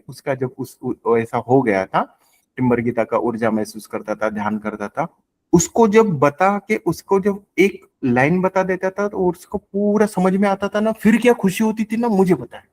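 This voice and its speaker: Earnest, halting man with higher voice. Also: darkish tone. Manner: halting and repetitive, restarts often; earnest, mixes in English words. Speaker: devotee sharing testimony. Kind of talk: devotional testimony at a spiritual gathering.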